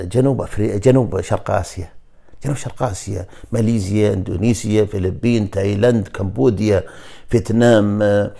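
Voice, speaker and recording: Najdi Saudi man, podcast host, rambling solo chat, dark gravelly voice. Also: fairly low pitch. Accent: Najdi Saudi Arabic. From Najd, Saudi Arabia. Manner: loose, rambling, addresses the listener directly. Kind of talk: casual solo monologue.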